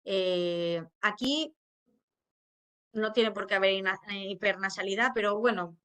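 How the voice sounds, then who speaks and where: A woman from Spain speaks as a speech therapist in an informal teaching talk. Her pitch sits in an ordinary middle range. She explains patiently, pausing on fillers and checking in with her listeners. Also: steady tone, a bit bright, smooth. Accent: Spain Spanish.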